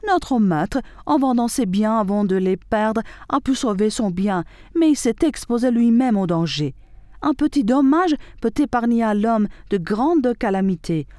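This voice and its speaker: A woman's voice: on the high side, animated, a little slow, warm tone, no echo, clean studio sound. A woman voicing a boastful male rooster in a storybook tale, speaking in an insistent, indignant way. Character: proud boastful male rooster who foretells deaths.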